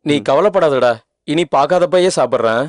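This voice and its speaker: A man's voice: a little high, moderate pace, no echo, clean studio sound, lightly acted. An actor playing a young male friend who teases and mocks a bedridden pal in a TV serial. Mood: teasing. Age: young adult. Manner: teasing, mocking. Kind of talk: TV serial acting. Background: background music.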